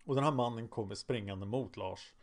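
A man tells a true-crime story as a podcast narrator, relaxed and chatty. He pauses on hesitant fillers and restarts as he works through the account, keeping it loose rather than scripted. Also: lowish voice, slight background noise.

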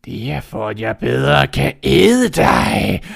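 A man voicing a cunning wolf posing as a grandmother, speaking slowly and with menace in a storybook reading. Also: medium pitch, big pitch swings, vocal fry, husky, no echo, studio quality, exaggerated voice. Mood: sly menacing. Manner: slow, drawn-out, menacing.

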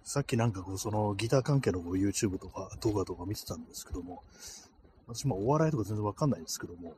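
A man hosts a casual solo podcast, recording into his phone with cold hands while out on a night street. His lowish, slightly mellow voice moves fast with lively intonation, and he rambles with many fillers. Faint outdoor street sounds and slight background noise come through.

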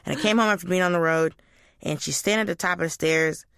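Casual chat guest, woman, bright voice, dry close sound, lively storyteller. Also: fast, clean tone, no room sound. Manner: animated storyteller, high squeaky voices for quotes.

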